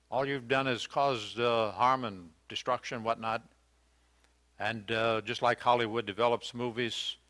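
In a church sanctuary, an older man from the United States delivers an earnest, questioning sermon marked by hesitant fillers and restarts. He speaks at medium pitch with a sharp tone.

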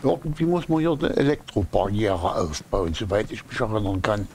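A man's voice: fairly low pitch, normal speed, background noise. A man doing casual live commentary as a game streamer, thinking aloud and muttering to himself.

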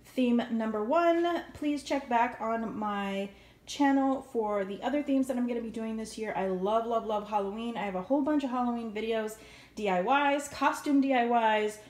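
A woman's voice: on the high side, a little mellow, reverberant. A woman vlogger casually showing her home decorations, chatty and upbeat, listing where she bought each item and what it cost. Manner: chatty, upbeat, lists prices and stores. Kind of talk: casual show-and-tell narration. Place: indoor room at home.

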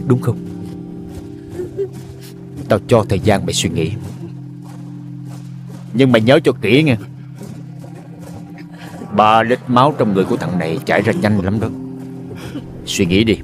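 A man's voice: fairly low pitch, lively intonation, unhurried, pauses often, music in the background. An actor playing a ruthless male gang boss who interrogates his captives in a menacing, taunting way.

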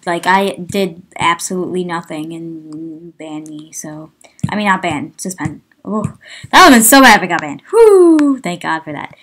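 A woman ranting casually in a vlog, exasperated and full of "like" and "bruh", her voice jumping high when she gets upset. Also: a bit bright. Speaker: gaming channel host.

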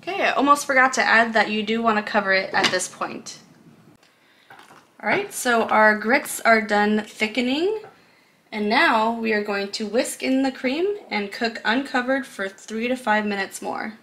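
A woman's voice: a little high, measured pace, bright, forceful tone. Chatty woman walking through a recipe. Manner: chatty, giggly, explains each step. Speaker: cooking vlogger. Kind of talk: casual cooking demonstration. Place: home kitchen.

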